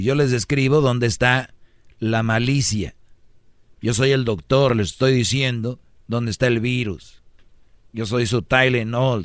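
A man with a Mexican accent hosts a radio show, preaching comic advice at his listeners. He fires off rhetorical questions in a joking, lecturing tone. His mid-pitched voice sounds dry and close, with no room echo. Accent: Mexican Spanish.

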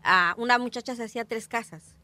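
A woman's voice: on the high side, brisk. Spanish-speaking woman telling a story. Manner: animated storyteller, mixes English words into Spanish. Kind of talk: casual storytelling chat.

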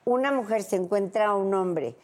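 With a mid-range voice at a moderate pace, a middle-aged Mexican-accented woman holds forth as a brash guest on a casual panel. She's storytelling, acting out each line of dialogue.

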